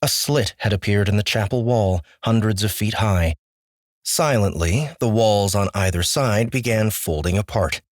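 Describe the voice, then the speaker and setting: A man narrating an audiobook with measured, steady storytelling. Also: fairly low pitch, no echo, clean studio sound. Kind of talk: scripted narration.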